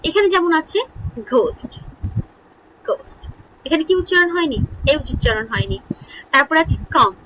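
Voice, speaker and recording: A woman teaching an English grammar lesson in Bengali, asking questions and answering them herself, repeating example words slowly. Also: high-pitched, big pitch swings, bright, forceful tone, slight background noise, poor audio. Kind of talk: online lesson explaining English spelling.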